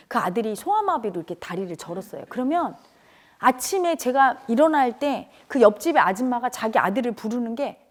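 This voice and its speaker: A middle-aged woman earnestly telling a painful childhood memory to an audience, her voice turning tearful at times. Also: a little high. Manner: tearful and earnest, rising to cries when reliving events. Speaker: speaker at a spiritual community talk. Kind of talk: emotional personal storytelling.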